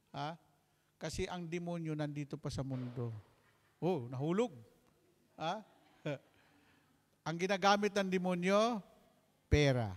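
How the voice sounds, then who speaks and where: A man's voice: on the high side, fairly bright tone. A man preaching a healing sermon, mixing English and Tagalog with jokes and repeated calls for an amen. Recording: long hall reverb.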